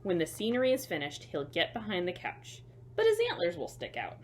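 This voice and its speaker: A woman reading a picture book to children as a storyteller, expressive, with chatty, simple asides to young listeners. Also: fairly low pitch, brisk, a little hiss or hum.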